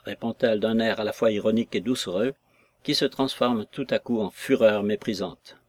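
A man narrating a novel aloud in an expressive storytelling manner. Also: fairly low pitch, moderate pace, no room sound. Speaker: audiobook narrator.

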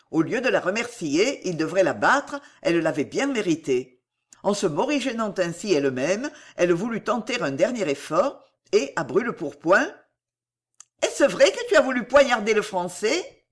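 Expressive narrator reading a classic novel, voice swings up and down. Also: medium pitch. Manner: expressive, lively storytelling. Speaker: audiobook reader.

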